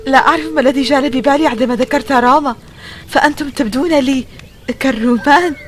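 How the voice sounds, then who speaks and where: In an audio drama, a woman in her twenties plays a modern young woman lost among ancient Romans, sounding bewildered, puzzled and questioning. Her natural voice is high-pitched and fast, with slight background noise.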